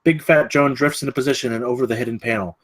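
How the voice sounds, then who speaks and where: Serving as narrator at a table read, a mid-pitched man reads screenplay stage directions and scene headings aloud. His tone is steady and he talks fast.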